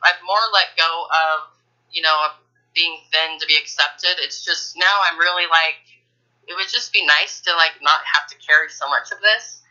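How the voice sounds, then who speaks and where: Woman caller on a dull phone line, very bright voice, halting and searching for words. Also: deep voice, fairly even intonation. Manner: halting, full of restarts and fillers. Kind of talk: casual coaching call.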